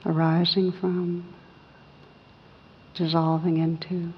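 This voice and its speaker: Female meditation guide: low, very even, husky voice, soothing and unhurried, muffled recording in a reverberant hall. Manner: soothing, unhurried, with long pauses between short phrases. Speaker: meditation teacher.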